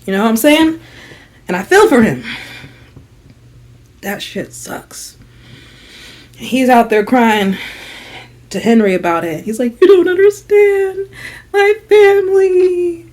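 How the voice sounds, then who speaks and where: A young woman vlogger telling a story in casual chat, slangy and animated, dropping to hushed asides and rising to loud exasperated bursts. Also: mid-range voice, slow pace, long pauses.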